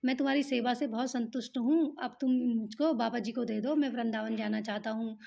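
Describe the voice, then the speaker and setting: A woman's voice: fairly high pitch, fairly even intonation, brisk, vocal fry, warm tone. A woman voicing a playful, demanding child deity who makes coaxing, wheedling requests. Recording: dull lo-fi recording.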